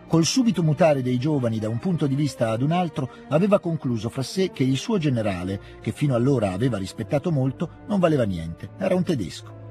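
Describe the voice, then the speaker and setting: A man with an Italian accent reading a classic novel aloud in a measured, calm audiobook style. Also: medium pitch. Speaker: narrator.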